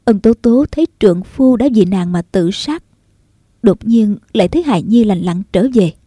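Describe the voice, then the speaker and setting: A woman narrating a martial arts novel in a steady, measured reading. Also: mid-range voice, no echo, studio quality. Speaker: audiobook narrator.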